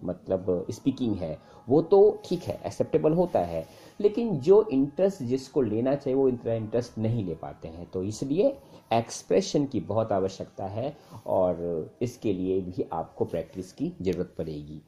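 A man teaching English speaking tips in a casual spoken lesson, full of fillers and repeated phrases. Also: normal speed. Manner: conversational, many fillers and repeated phrases, lively pitch jumps.

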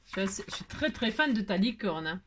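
A woman craft vlogger chats casually with her viewers while opening mail, her medium-pitched voice sing-song and a little fast. She gushes effusively, repeats her exclamations and often trails off to restart, with slight background noise present.

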